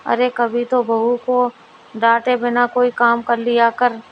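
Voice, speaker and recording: A kindly older father-in-law, voiced by a woman reading a storybook. He speaks calmly and patiently. The voice stays high and flat. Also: takes it slowly, highs cut off, slight background noise. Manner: calm, patient, gently commanding.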